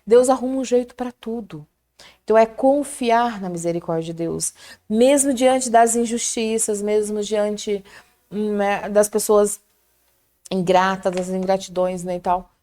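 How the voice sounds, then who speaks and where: Middle-aged Brazilian woman, lively storyteller sharing her faith, fervent and chatty. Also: mid-range voice, measured pace. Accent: Brazilian Portuguese. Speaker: prayer group guest. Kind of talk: casual testimony chat.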